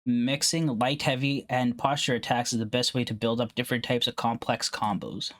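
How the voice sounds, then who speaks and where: A man's voice: medium pitch, fairly even intonation, a bit bright. A male gaming channel host who reads a combat guide aloud and reacts to it, often stumbling with uhs and correcting himself mid-word. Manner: halting reading with frequent uhs and self-corrections. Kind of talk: reading an article aloud and reacting.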